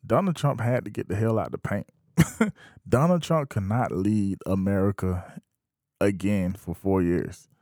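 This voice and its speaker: Man, 30s, low voice, dry close sound, casual monologue, unhurried, pauses to think. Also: dry recording. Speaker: vlogger.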